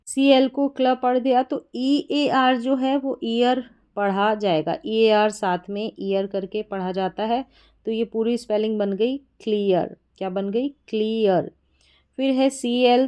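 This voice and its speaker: A woman's voice: medium pitch, warm tone. A woman teaching a beginners' spelling lesson, patiently spelling out letters and repeating each word. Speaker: English teacher.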